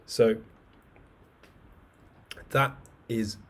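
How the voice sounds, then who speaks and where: A man teaching a live online coding class, explaining step by step in a relaxed, chatty way with asides and fillers. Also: medium pitch, extremely slow. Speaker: coding bootcamp instructor. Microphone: webcam video call mic. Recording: faint background noise.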